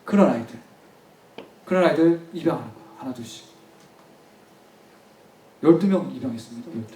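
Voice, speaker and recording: A man preaching to his congregation, retelling a story and repeating key words for weight. His voice sits high, and it rings through a roomy church hall. He sounds a little far from the microphone. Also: animated, fairly quick, dark tone. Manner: storytelling, emphatic repetition, addresses the congregation directly. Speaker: pastor. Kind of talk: sermon. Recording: echoey hall, mic at a distance.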